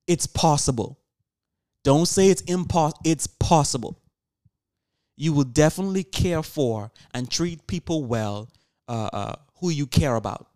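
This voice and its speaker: A man's voice: a little high, animated, unhurried, mellow, dry recording, studio quality. A seventeen-year-old man hosting a solo podcast, talking earnestly and preachily to his listeners with rhetorical questions, often restarting and repeating words. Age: teens. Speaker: podcast host.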